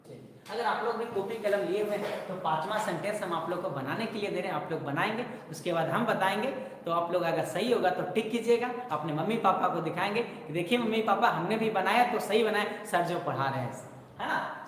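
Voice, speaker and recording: A man's voice: high voice, a little hiss or hum. Echoey male teacher quizzing his class. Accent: Bihari Hindi. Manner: repetitive teacher questioning, answers his own questions. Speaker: Sanskrit teacher. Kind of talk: classroom-style video lesson. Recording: echoey hall, mic far off.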